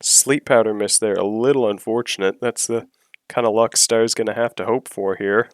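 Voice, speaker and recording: A slightly sick man giving relaxed, analytical play-by-play commentary on a video game battle, often pausing with "so" and "yeah" and clearing his throat. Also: fairly low pitch, no echo. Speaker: match commentator.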